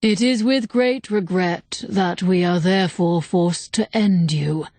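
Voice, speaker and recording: An ancient, bodiless male spirit of a temple, as a woman reader puts him on, calm and collected but heavy with regret. He speaks slowly and deliberately in a low, unhurried storybook voice, every word measured. The recording is close and dry. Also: no echo. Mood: calm regretful. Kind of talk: audiobook character voice.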